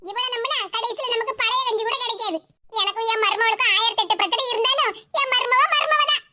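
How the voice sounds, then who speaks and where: Brief: a bitter old cartoon mother with a Tirunelveli Tamil accent, nagging and self-pitying, pitched extremely high over loud noise. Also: fast. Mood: grumbling. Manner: scolding, self-pitying laments. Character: grumbling old mother, bitter about her children. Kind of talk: cartoon voice acting.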